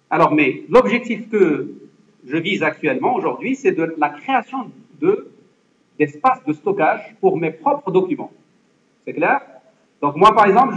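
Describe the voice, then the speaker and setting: A man teaching a computer lesson to a class, explaining step by step and often checking that students follow. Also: sits high. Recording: echoey classroom, dull lo-fi sound.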